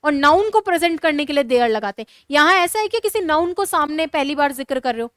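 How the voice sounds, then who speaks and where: A woman teacher with a Rajasthani Hindi accent, giving a classroom lecture in a brisk, scolding way and urging students to write fast. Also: sits high, animated, a bit bright, no room sound.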